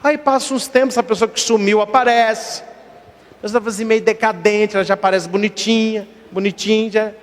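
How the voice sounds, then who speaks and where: Man, priest, sermon, rhetorical questions, high voice, long reverb. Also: steady tone, moderate pace. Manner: rhetorical questions, emphatic repetition.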